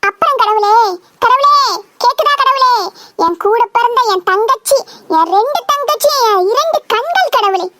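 A voice actor doing a squeaky sly prankster boy. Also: expressive, sharp tone, soft background music, exaggerated voice. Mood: mock-solemn. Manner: drawn-out, theatrical prayer delivery. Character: pious prankster boy, mock-solemn, sly. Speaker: voice actor for all characters. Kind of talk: Tamil cartoon comedy voice acting.

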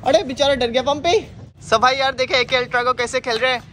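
A man vlogs outdoors on a rooftop, excited and playful, tossing out quick short calls. It's a noisy phone recording with traffic and street sounds behind him. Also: very high-pitched. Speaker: vlogger. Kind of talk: casual vlog chat.

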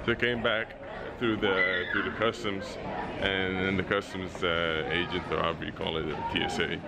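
A man's voice: low voice, flat delivery, normal speed, vocal fry, heavy background noise. A young man vlogging casually at an airport, talking in a laid-back, rambling, slangy way. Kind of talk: casual vlog talk to camera.

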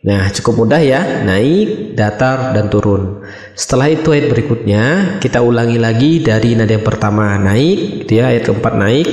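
A man hosting a recitation lesson, explaining the steps calmly and clearly. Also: mid-range voice, normal speed. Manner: calm, step-by-step explaining. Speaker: channel host and recitation teacher. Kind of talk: instructional explanation. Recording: echoey room with long reverb.

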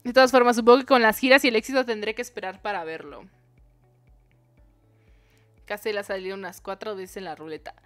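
A woman's voice: mid-range voice, steady tone, a little fast, pauses often, no echo, soft background music. A young woman, streaming a dating game, reading its dialogue aloud and joking with her chat. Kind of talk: live game commentary.

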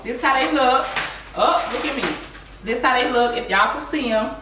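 Speaking at a moderate pace in a high voice, a woman in her thirties hosts a laid-back cooking vlog from her own kitchen. She chats playfully, breaks into sing-song exclamations, and calls viewers y'all. A distant tripod camera gives roomy audio with background noise.

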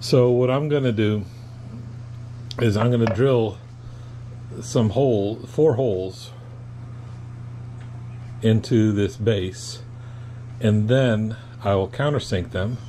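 A man explaining a woodworking project in a casual, unhurried how-to manner, with fillers as he goes, recorded in a home shop. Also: on the low side, mellow, slight background noise. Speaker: woodworking hobbyist.

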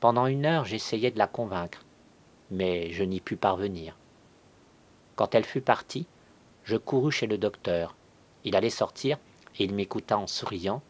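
Husky, low-voiced male reader. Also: animated, a little slow, pauses often. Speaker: audiobook reader. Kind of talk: literary reading aloud.

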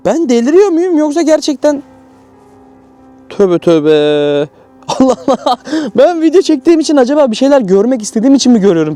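A young man talking viewers through drone footage, jumpy and excitable, swinging from hushed tones to high excited bursts. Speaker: YouTuber flying a drone.

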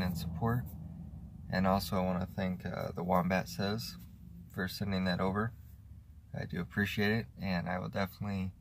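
A man in his thirties giving a casual, halting, low-key snack review to camera. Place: inside a parked car. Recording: noisy car interior phone recording.

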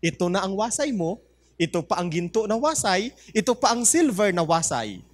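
A man with a Filipino accent voicing the Lord as a kind, fatherly god who speaks calmly and gently. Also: high-pitched, normal speed.

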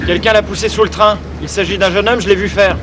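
A man's voice: high voice, steady tone, fast, close to an everyday voice. An actor playing an agitated, insistent male eyewitness in a dubbed TV crime drama. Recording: noisy outdoor street ambience.

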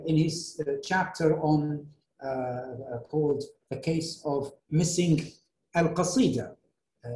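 Man, middle-aged, Arabic first language, academic lecture, hesitant with many fillers, mellow tone, echoey room. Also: a little high, slight background noise. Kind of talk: academic lecture answering a question. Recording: roomy echo.

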